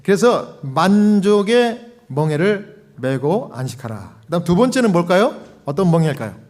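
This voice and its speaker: A man's voice: high-pitched, darkish tone. A male pastor preaching a sermon, asking the congregation questions and acting out plaintive prayers as he explains scripture.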